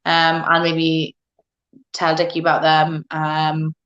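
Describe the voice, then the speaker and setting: A woman's voice: low-pitched, monotone, slow pace, a bit bright, dull audio. A woman, answering casually as an interview guest, thinking aloud a little hesitantly. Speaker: guest, MMA fighter.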